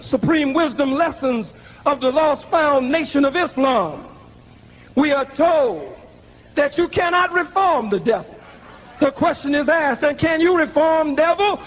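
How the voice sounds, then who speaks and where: High-voiced man in a shouting preacher rant. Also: measured pace, poor audio. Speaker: commentator.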